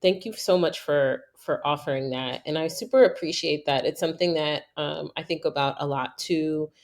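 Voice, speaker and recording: A woman's voice: low-pitched, normal speed, darkish tone. A woman from New York hosting a casual interview, talking in a thoughtful, conversational way. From New York, USA. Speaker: podcast host.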